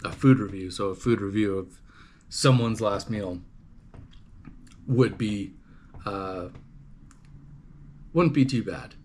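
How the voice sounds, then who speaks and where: A man's voice: fairly low pitch, slow pace, long pauses, a little mellow, a little hiss or hum. A man from Canada casually chatting to his livestream viewers, rambling and swearing, with lots of fillers and restarts. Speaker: livestream host. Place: home livestream setup.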